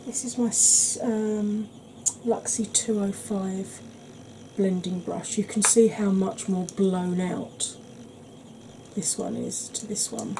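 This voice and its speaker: A beauty YouTuber from England, raised by a Welsh family, chats through a makeup tutorial with an accent blending Welsh and Yorkshire. Her medium-pitched voice is gentle and soft-spoken, deliberately slow and chatty, with some background noise.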